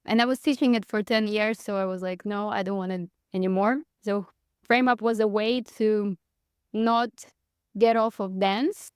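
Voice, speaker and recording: Recorded with clean studio sound and no echo, a Russian-accented dance teacher from Moscow in her thirties is a guest in an interview. Her medium-pitched voice has a clean tone, fairly even intonation, and a moderate pace as she tells her story casually. She is chatty, often laughing and frequently saying "like."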